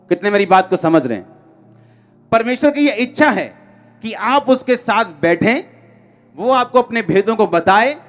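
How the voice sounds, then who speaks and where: A man, preaching emphatically and firing rhetorical questions at a crowd in a large outdoor tent. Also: sits high. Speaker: pastor. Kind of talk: sermon. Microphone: handheld microphone.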